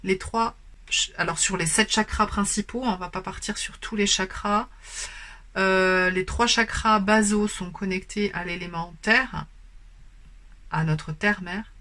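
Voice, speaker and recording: A woman talks through a tarot card reading at an unhurried, unrushed pace. She explains gently and stops often for hesitant fillers. She speaks to a camera on a stand. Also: medium pitch, steady tone. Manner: hesitant, many filler pauses. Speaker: tarot and oracle card reader. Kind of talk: spoken card-reading guidance.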